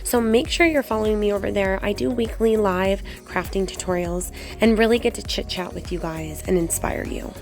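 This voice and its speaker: Breathy, congested woman crafting host over music. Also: mid-range voice, moderate pace, few pauses. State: congested from a cold. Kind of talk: chatty voice-over craft tutorial. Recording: background music under the voice.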